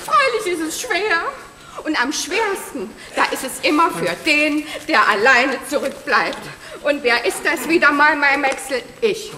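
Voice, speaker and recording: Jilted woman, high and dramatic, whiny gushing, big roomy stage, crowd laughing. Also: expressive, measured pace. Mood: self-pitying. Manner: dramatic, breathless, tearful chatter. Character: gushing, self-pitying woman abandoned by her partner. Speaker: stage actress. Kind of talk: stage comedy acting. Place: theater stage. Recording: echoey theater hall with audience laughter. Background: audience laughter.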